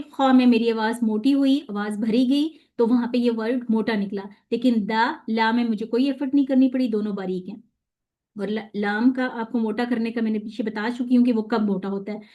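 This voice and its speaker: A woman teaching a Quran pronunciation lesson. She explains step by step, asks and answers her own questions, and slowly sounds out Arabic letters and syllables as models. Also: on the high side, fairly even intonation, warm tone, dull audio. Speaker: tajweed teacher.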